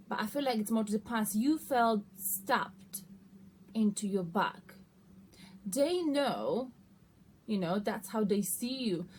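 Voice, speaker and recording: Fairly high-pitched and a little mellow, this woman gives a casual, chatty tarot reading online, regularly checking in with listeners. The audio is poor, with noticeable background noise.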